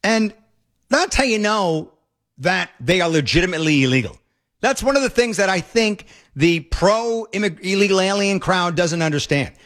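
A fairly high-voiced man hosts a talk radio show, and his commentary comes out sarcastic and mocking. He gets excitable as he talks over clips, speaking close to a studio broadcast mic. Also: normal speed.

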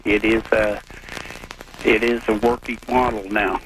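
A man's voice: lowish voice, level tone, measured pace, a bit bright. An American man chatting casually as a caller to a radio show. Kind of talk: casual chat. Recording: noisy call to radio show.

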